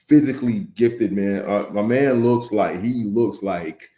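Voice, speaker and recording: A man with a lowish, mellow voice gives animated, opinionated takes on college football. He talks loosely and often tags on "man". The sound is roomy and echoey. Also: a little slow. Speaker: podcast co-host. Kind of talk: casual sports chat. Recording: echoey room.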